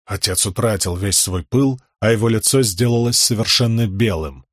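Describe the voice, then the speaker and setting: A man reading fantasy fiction aloud in steady, measured audiobook narration. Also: on the low side, no echo, studio quality. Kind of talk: scripted narration.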